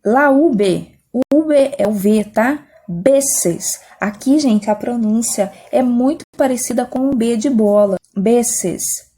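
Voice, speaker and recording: A Spanish teacher with a Brazilian Portuguese accent explains a language lesson patiently, frequently checking in with her students. Her voice is a little high, dark and husky, and she speaks unhurriedly with few pauses.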